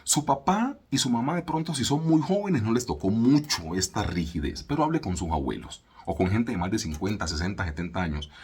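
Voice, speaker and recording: A man with a Colombian accent giving a casual sermon teaching as a church leader, colloquial and laid-back, slowing down to stress his points. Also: lowish voice, lively intonation, a little mellow, breathy edge. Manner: laid-back, colloquial, mimics voices, slows for emphasis.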